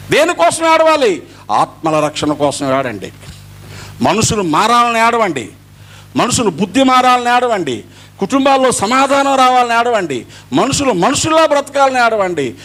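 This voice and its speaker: Animated preaching man, pitch leaping. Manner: animated preaching, acting out dialogue. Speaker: pastor. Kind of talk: Easter sermon.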